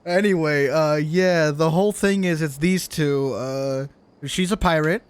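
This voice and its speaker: A man with a slightly high voice keeps a measured pace as he banters on his game livestream. His casual talk is playful, exclamatory and heavy on swearing, and faint background noise can be heard.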